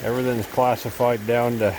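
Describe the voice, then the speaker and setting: He talks fast in a mid-range voice with little pitch movement, background noise audible. The speaker is a gold prospecting vlogger with a head cold, giving easygoing, slightly rambling outdoor narration by a cold stream as he thinks aloud.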